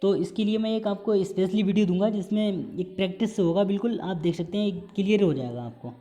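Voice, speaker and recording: Mellow-voiced man teaching a lesson. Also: high voice. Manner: explanatory, drawn-out sounds to demonstrate pronunciation; mixes in English terms. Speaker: Hindi teacher. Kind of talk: recorded exam-prep lesson.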